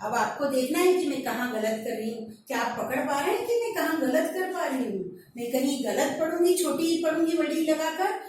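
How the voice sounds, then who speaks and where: A woman teaching a kindergarten class online, drawing out each syllable slowly as she drills the letters. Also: high voice, a little mellow, a little hiss or hum. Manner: slow, drawn-out syllable drilling. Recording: echoey room from a distance.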